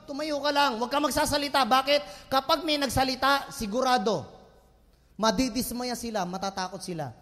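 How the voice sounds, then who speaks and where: A man with a very high voice preaches with lively swings between hushed asides and loud emphatic lines, mixing in English. His words ring out with a long reverb through a church hall. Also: a little fast. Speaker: pastor. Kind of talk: sermon.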